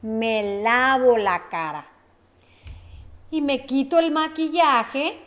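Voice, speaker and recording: A woman's voice: sits high, slow pace, fairly bright tone. A woman teaching a lesson, running repeat-after-me drills and checking in with short questions. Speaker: Spanish teacher.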